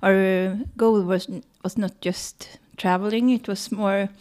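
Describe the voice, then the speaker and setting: Soft-toned Swedish woman speaking haltingly. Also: medium pitch, fairly even intonation, smooth. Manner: hesitant, halting with repeated words. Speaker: guest. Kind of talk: casual interview answers.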